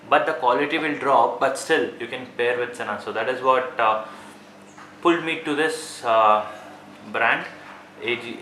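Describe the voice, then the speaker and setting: Recorded in an echoey room with faint background noise, a man with an Indian accent unboxes gadgets as a vlogger. His medium-pitched voice sounds pushed and bright. The commentary is casual and informal, full of repetition and "guys" aimed at his viewers.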